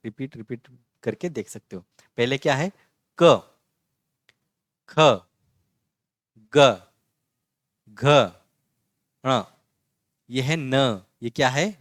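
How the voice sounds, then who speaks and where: A man's voice: medium pitch, no echo, clean studio sound. A man teaching a basic Marathi lesson who repeats "isn't it?" and answers his own questions. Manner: patient, repetitive, keeps asking "है ना?" and answering his own questions; spells out each letter slowly and distinctly. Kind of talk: online language lesson, explaining letters on a board.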